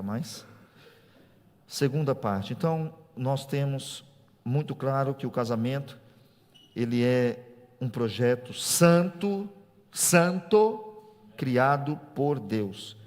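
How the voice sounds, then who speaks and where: A man from Brazil preaching a teaching sermon as a pastor. He jokes with the congregation in a conversational way, then climbs to loud preaching peaks. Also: medium pitch. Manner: animated, swings from soft asides to loud preaching peaks. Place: church. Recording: long reverb of a church hall.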